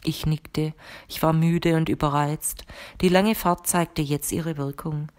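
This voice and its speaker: A woman with a low voice reads a first-person audiobook. Her delivery is measured and even, keeping a steady storytelling pace. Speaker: audiobook narrator. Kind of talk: first-person scripted narration.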